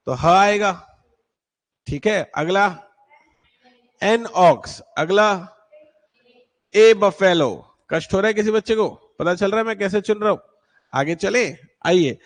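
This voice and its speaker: A man teaching an online class, patiently quizzing students and checking whether anyone is struggling. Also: sits high. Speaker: exam-prep English teacher.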